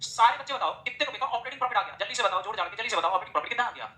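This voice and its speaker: A male accounting teacher delivers a classroom lecture at a brisk clip, constantly drilling his students with rapid-fire questions. His voice comes across bright and forceful, and the recording carries noticeable room echo. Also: high-pitched, expressive. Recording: echoey room.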